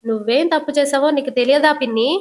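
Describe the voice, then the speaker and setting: A woman voicing a stern middle-aged father who interrogates his family forcefully, in a retold TV serial. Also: high voice, fast talker, voice pushed up, natural voice.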